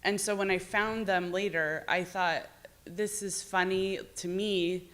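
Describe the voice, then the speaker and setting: An American novelist from New York City talks informally about her own book, candid and rambling, saying "like" a lot. Her mid-range voice is steady, a little slow and a bit bright.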